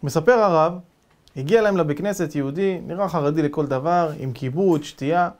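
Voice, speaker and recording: A rabbi telling a dramatic story in an animated, lively way as a sermon. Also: male voice, a little high.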